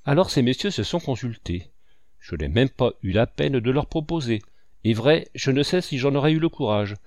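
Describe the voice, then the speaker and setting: A man's voice: mid-range voice, expressive, moderate pace, darkish tone, no echo, studio quality, natural voice. A man voicing a smug, shrewd male company swindler who speaks in a calculating, self-satisfied way.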